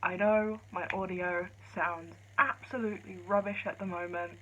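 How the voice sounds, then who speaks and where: A woman talking quietly in a chatty, rambling vlog, filmed on her phone. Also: fairly low pitch, fairly even intonation, normal speed, slight background noise. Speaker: vlogger. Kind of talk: casual vlog chat. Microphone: phone camera. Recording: lo-fi phone audio.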